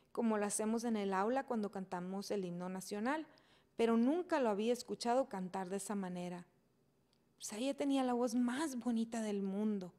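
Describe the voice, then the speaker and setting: A woman reading a children's chapter book aloud in a gentle, steady storytelling manner. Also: fairly high pitch. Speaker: reader.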